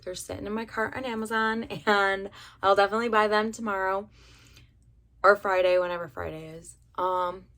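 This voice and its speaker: A young adult woman from the United States with a raspy voice, rambling chattily through a casual hair color review. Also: mid-range voice, steady tone, moderate pace, fairly bright tone. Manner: rambling, chatty, many fillers. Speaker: beauty vlogger.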